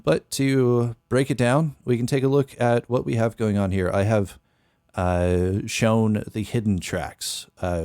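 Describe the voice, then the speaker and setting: Young male streamer, very low voice, rambling casual delivery, dry close mic. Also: darkish tone, clear, resonant tone, no room sound. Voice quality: very deep voice. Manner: meandering, thinks aloud with many fillers. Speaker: music producer streamer. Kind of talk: casual live-stream talk. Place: small bedroom studio. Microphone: studio mic on boom arm, headphones.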